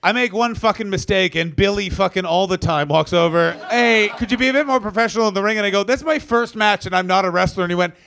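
A man's voice: sits high, fast, vocal fry, few pauses. A man guest on a podcast, telling funny stories in casual banter, swearing and mimicking people. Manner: animated storytelling, swears, mimics others. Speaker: comedian guest.

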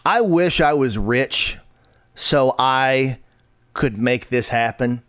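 A man hosting a comedic podcast, telling a story in an animated, incredulous, joking way and reading out chat comments. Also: mid-range voice, takes it slowly, clean tone. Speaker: podcast host.

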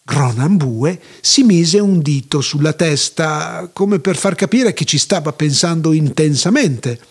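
A man reading a storybook tale aloud in a playful, animated way. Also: on the high side, measured pace, slightly rough.

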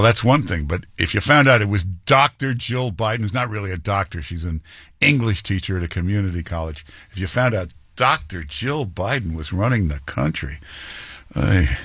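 A radio talk show host speaks in a fairly low voice, opinionated and punchy, dropping fillers as he goes. The studio sound is dry and close. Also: a bit bright, dry recording. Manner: conversational, punchy, with frequent fillers. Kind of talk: opinionated monologue.

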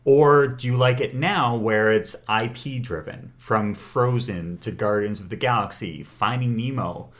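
A man hosting a casual chat, posing questions in a relaxed, explanatory way. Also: mid-range voice, unhurried, hardly any pauses. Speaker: podcast host.

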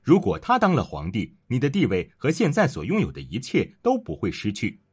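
A man voicing a cunning, scheming court official who talks persuasively and insinuatingly, in a husky voice. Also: mid-range voice, wildly swooping pitch, brisk, a little mellow.

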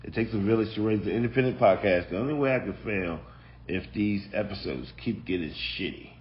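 A man hosting a podcast, speaking casually and rambling through his thoughts with plenty of fillers. His voice is fairly low, and the audio is dull and lo-fi. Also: lively intonation, fairly quick, slight background noise. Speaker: podcast host. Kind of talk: casual commentary.

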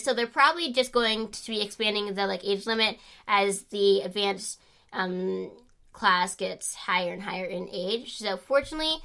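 A teenage girl co-hosts a casual podcast chat, her medium-pitched voice carrying a sharp tone. She's chatty and rambling, full of fillers and giggles.

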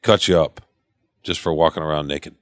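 A man co-hosting a radio show, chatting in a lively, teasing way about old movies. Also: a bass voice, moderate pace, no room sound, studio quality. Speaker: co-host. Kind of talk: casual radio banter.

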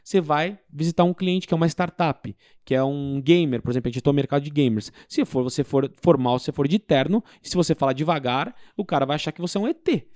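A man's voice: on the high side, fast talker, few pauses, darkish tone, dry recording, studio quality. A man explaining sales techniques in a casual conversation, with emphatic, practical examples. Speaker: business guest. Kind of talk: casual sales advice talk.

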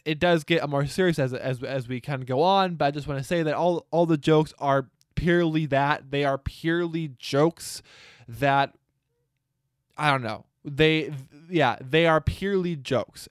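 A man's voice: fairly high pitch, smooth, dry recording, studio quality. Groggy young man hosting a podcast. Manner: rambling, halting, lots of uh and restarts. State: groggy, just woke up. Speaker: podcast host. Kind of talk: casual podcast chat.

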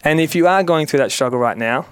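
A man's voice: on the high side, fast, clear, resonant tone, no room sound. A man talking earnestly about self-love and kindness as a guest in a casual podcast chat. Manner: earnest motivational speaker.

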